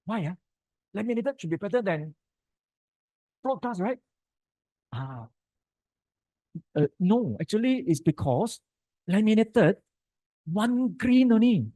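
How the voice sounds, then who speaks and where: Malaysian man lecturing informally, slightly high-pitched. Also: darkish tone, dry recording, rough recording. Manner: colloquial, punchy short phrases with sentence-final particles. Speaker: lecturer presenting to architects.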